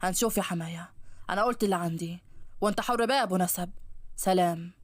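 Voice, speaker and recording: A woman's voice: lowish voice, fast talker, no echo, pitched below the performer's own voice, natural voice. A woman voicing a pushy, threatening young man who courts a girl against her will, with an Egyptian accent. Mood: menacing. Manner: boastful and threatening. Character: pushy menacing young man, possessive suitor.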